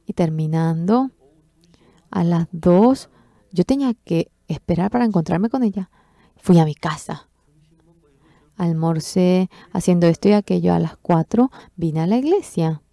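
A woman interpreting a sermon testimony, expressive, acting out quoted speech with sudden jumps in pitch. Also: unhurried, gravelly, no echo.

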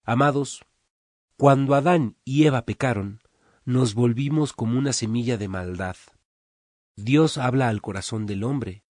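A man's voice: medium pitch, measured pace, a little mellow, no room sound. Man preaching and telling a story, earnest and emphatic, dry close sound. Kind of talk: sermon with storytelling.

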